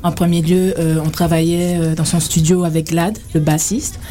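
A young woman from Guadeloupe, a singer being interviewed on the radio, relaxed and rambling with many fillers. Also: fairly low pitch, moderate pace. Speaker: singer guest.

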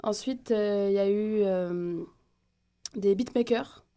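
A woman's voice: medium pitch, slow pace, smooth. A woman in her thirties from the Paris region with a Parisian accent, chatting as a guest with many fillers. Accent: Parisian French. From Paris region, France. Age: 30s. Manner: relaxed, hesitant, many fillers. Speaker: guest, hip-hop event organizer. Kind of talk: casual interview.

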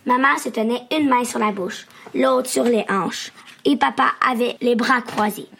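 A woman reading a bedtime story to children in a gentle, expressive way. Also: on the high side, unhurried, vocal fry, breathy edge.

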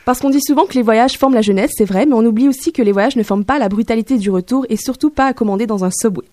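A woman's voice: fairly high pitch, quick pace, warm tone, no room sound. A young woman with a French accent, reading a wry, self-mocking opinion column on the radio. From Canada. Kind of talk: scripted opinion piece.

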